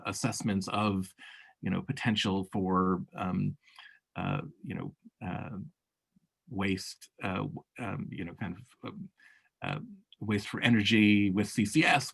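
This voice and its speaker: A man speaking as a workshop panelist in unscripted policy talk, halting, with many fillers and restarts. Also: lowish voice, gravelly, breathy edge.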